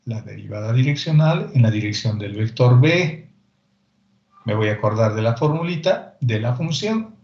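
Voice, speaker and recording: A man's voice: medium pitch, darkish tone. A male math teacher giving a recorded calculus lecture, explaining step by step and directly to his students. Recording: echoey room, dull lo-fi sound.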